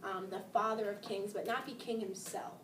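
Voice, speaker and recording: A woman's voice: mid-range voice, steady tone, moderate pace, fairly bright tone. A woman teacher chatting through a play's plot, hesitant and full of fillers, often laughing at the story. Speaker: English teacher. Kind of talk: model discussion of a play. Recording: roomy, distant mic, faint noise.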